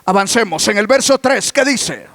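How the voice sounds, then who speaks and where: A male pastor preaches a sermon, asking the congregation rhetorical questions and breaking into shouts. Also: high-pitched, lively intonation, normal speed, no room sound.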